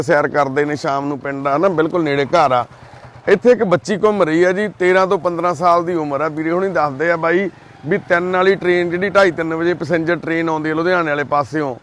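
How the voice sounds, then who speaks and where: An earnest man with a Punjabi accent reports live from outdoors by a railway line at night. His voice sits slightly higher than most men's, and he talks in a gentle, coaxing way. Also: fairly even intonation, a little fast. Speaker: volunteer field reporter. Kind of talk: on-the-spot field report.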